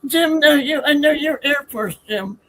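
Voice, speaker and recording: A woman's voice: high voice, a little slow, rough recording. A woman hosting an interview, effusive and chatty with her guests. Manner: warm, effusive, laughs along with guests. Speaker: talk show host. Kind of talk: casual interview chat.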